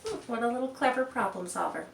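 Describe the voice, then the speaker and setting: A woman reads a picture book to kids in a high, animated, gravelly voice, going fast. She reads expressively, with conversational asides and rhetorical questions. The sound is roomy, from a distant mic, with faint background noise.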